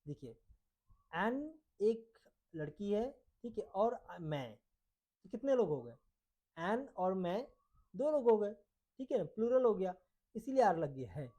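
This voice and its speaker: A man with an Indian accent gives an English grammar lesson in a soft, mellow tone. He reads each example sentence slowly and carefully. Then he moves on briskly to explain it in Hindi. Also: sits high.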